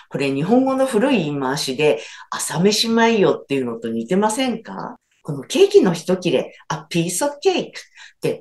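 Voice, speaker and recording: A woman's voice: lowish voice, darkish tone. A woman teaching English phrases in a lesson video, switching between her explanations and example phrases in English.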